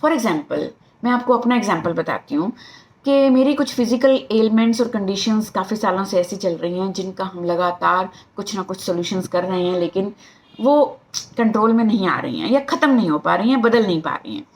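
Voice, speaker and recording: A middle-aged woman with an Indian accent, a life coach and psychologist, giving a lively motivational talk to camera and mixing in English phrases. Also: medium pitch, moderate pace, rough recording.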